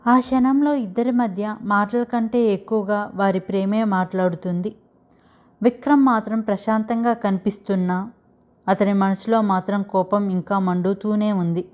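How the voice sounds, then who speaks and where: A woman narrating a romance story in a steady, expressive reading voice. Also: mid-range voice, moderate pace.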